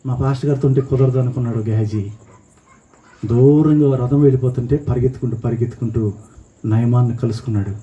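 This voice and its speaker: A man preaching a sermon in church, telling a story and acting out its characters, calling the congregation to shout praise. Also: mid-range voice, fairly even intonation, fast talker, dull audio. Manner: acts out the story's speakers, calls for loud hallelujahs. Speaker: pastor. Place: church service.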